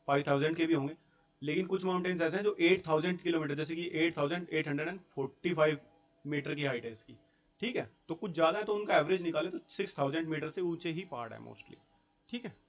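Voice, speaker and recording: A young man teaching a school geography class, explaining step by step in a mix of Hindi and English terms and checking in with his students. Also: on the high side. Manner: explains step by step, often checks in with "theek hai" and rhetorical questions.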